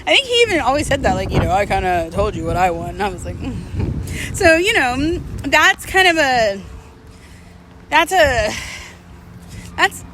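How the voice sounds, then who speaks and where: A vlogger in her thirties walks outdoors, chatting casually and candidly in a confessional, reflective way. Her voice is on the high side, sing-song, unhurried and a bit bright, and she pauses often. Urban traffic noise comes through clearly around her.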